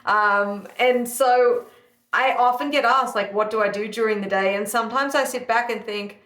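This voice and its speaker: This Australian woman in her thirties, a live fire cook appearing as a guest, speaks at a moderate pace with fairly even intonation. Her slightly high, somewhat bright voice carries chatty, upbeat interview answers packed with fillers, recorded in a room with noticeable echo.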